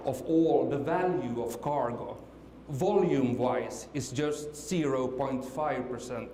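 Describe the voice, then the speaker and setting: Presenting at a conference, a middle-aged man from Finland speaks in a warm, mid-range voice, stumbling through fillers and false starts. The hall is echoey, with faint background noise.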